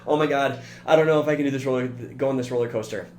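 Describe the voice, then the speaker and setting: A man's voice: mid-range voice, steady tone, fast, a little mellow, close to an everyday voice. A man acting out a panicky young guy, fretful. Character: panicky young man before a roller coaster ride. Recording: roomy with faint hum.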